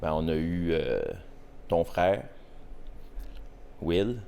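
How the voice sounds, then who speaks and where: A man in his forties with a Québécois accent, a podcast guest speaking in a hesitant, halting way with many fillers. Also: low voice, warm tone, clean tone. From Quebec. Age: 40s. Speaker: podcast guest, host's father. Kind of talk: casual interview.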